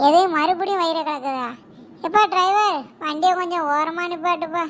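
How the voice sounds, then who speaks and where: A woman's voice: very high-pitched, steady tone, moderate pace, slight background noise, rough recording. A woman voicing a harried female school teacher in a cartoon, scolding pupils in a Kanyakumari Tamil accent. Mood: fed up. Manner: exasperated, bossy scolding. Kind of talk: cartoon voice acting.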